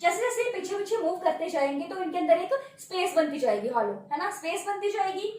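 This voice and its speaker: एक महिला बायोलॉजी शिक्षिका कक्षा की तरह लेक्चर देती है। वह मुख्य शब्दों को सवाल बनाकर दोहराती है और बार-बार "है ना", "ठीक है" कहकर छात्रों से जुड़ती है।. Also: female voice, very high voice, expressive, fairly quick, a little mellow, far from the mic. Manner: repeats key terms as questions and answers them; checks in often with tag words. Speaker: biology teacher. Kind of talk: classroom lecture at a board. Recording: very echoey room, voice off-mic.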